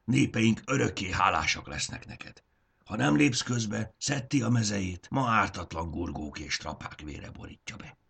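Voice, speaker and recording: A jubilant little male creature from a storybook, calling out high and bright as a male narrator puts him on. The voice underneath stays gravelly and husky, and it leaps all over the place. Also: lively intonation, heavily acted. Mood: warm. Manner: cries out loud and high. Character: excited male gurgo creature, grateful and joyful.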